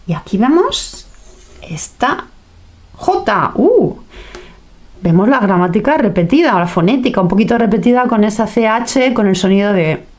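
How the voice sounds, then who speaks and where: A woman leads a language lesson at an unhurried pace, taking her time over each word. She keeps it playful, acting out sounds and small reactions to make the words stick. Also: medium pitch, expressive, a little mellow. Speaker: language teacher. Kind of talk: teaching lesson.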